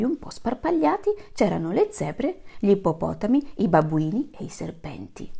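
A woman reads a storybook aloud to children with a lively, swooping voice. Her tone has a gravelly edge, and she tells the tale in an animated, dramatic way. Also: fairly low pitch. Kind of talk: expressive read-aloud.

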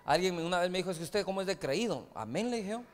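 A man's voice: high voice, animated, rapid-fire. Male pastor, storytelling sermon with asides, recorded live in a reverberant hall. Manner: storytelling preacher, conversational with rhetorical asides. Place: large church hall.

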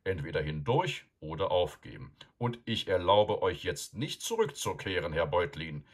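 A man voicing an old male wizard who lectures loudly and sternly, with a deep, husky voice. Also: sing-song, moderate pace, full character voice. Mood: stern, lecturing. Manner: loud, admonishing, emphatic.

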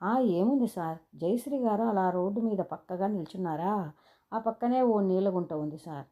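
A woman's voice: medium pitch, normal speed, lo-fi sound, close to an everyday voice. A woman voicing a cheeky young male student who teases in a mock-polite way, reading a story aloud. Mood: teasing.

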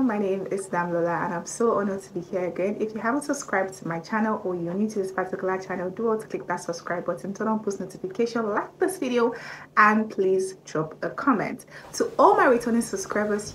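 This is a young Nigerian woman in her twenties reviewing a beauty product to camera in a small room. She talks emphatically, repeats herself for stress and leaps higher when she makes a point. A faint hiss of room noise sits under her voice. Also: poor audio. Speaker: beauty vlogger. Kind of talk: casual product review vlog. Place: small indoor room by a curtained window. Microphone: camera at arm's length, face framed close.

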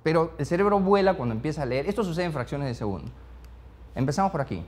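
Animated male teacher quizzing a class. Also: on the high side, fast talker. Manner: animated, questions the group over and over; peppers speech with "¿ya?" and "¿no?". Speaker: speed-reading course instructor. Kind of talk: interactive classroom lesson. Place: classroom with a live group.

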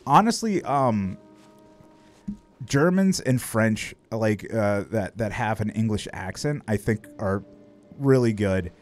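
A deep-voiced man chats loosely on a stream, rambling through his thoughts and cursing offhandedly. Quiet music plays faintly behind him. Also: lively intonation, slow. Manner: rambling, swears casually. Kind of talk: casual chat.

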